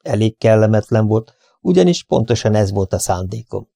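A man's voice: lowish voice, lively intonation, vocal fry, warm tone, dry recording. A man reading an audiobook, playing a breezy, flippant young man with a light, offhand manner.

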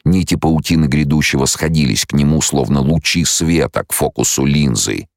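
A man narrating an audiobook in an even, measured storytelling manner. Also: a bass voice, dry recording, clean studio sound.

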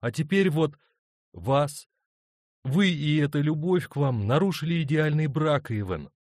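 A man's voice: on the high side, lively intonation, unhurried, a little mellow, no room sound, studio quality, voice pushed up. A man doing a torn, tender young wife. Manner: emotional, pleading, hesitant. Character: young married woman, torn between two loves, tender.

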